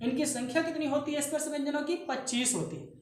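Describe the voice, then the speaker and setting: Echoey high-voiced woman teaching. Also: quick pace, a little mellow. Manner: asks questions then answers them herself, repeating key terms. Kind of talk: classroom grammar lesson. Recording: very echoey room, faint noise.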